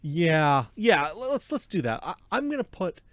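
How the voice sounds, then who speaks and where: A man's voice: a little high, sing-song, moderate pace, a bit bright, no echo. A man co-hosting a casual gaming podcast, chatting playfully and joking with his co-host. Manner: playful, jokey, reads ad copy with mock drama.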